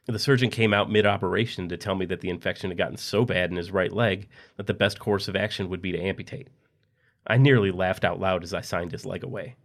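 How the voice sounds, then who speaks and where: Low-voiced man narrating a dark tale. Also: fairly even intonation, fast. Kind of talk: scripted dark story narration.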